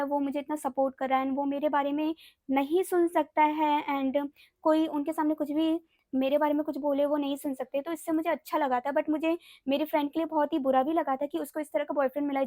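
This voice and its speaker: A woman's voice: high-pitched, little pitch movement, a little fast, a little mellow, no echo. A young woman vlogger chatting casually through a personal story, slipping English phrases and fillers into her Hindi.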